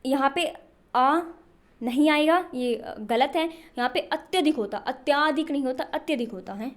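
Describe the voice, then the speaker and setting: Woman, high voice, young, Hindi teacher, exam-prep spelling lesson, quizzes then answers herself. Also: normal speed. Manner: repetitive questioning, answers her own questions.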